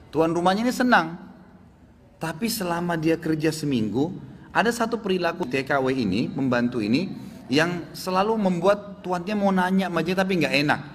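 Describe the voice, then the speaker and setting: A man preaching and telling a story to his listeners, with animated swings in voice as he speaks for the people in it. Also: on the high side. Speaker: Islamic preacher. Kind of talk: sermon storytelling. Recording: long hall reverb, faint background noise.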